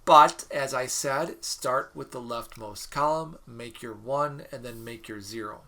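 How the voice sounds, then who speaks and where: A man's voice: medium pitch, unhurried, vocal fry, pushed and bright. A man teaching a recorded math mini lecture, working problems aloud in a chatty, joking way. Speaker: math instructor.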